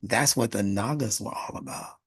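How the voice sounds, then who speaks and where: A man's voice: lowish voice, moderate pace, husky, no room sound. A male instructor giving an emphatic spiritual lecture, breaking words apart to explain their origins.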